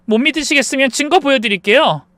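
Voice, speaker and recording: A man voicing an angry young wife who shouts back and then firmly explains to the police. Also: very high voice, fast talker, no room sound, clean studio sound, voice pushed up. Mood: firm explaining. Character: angry young wife standing her ground.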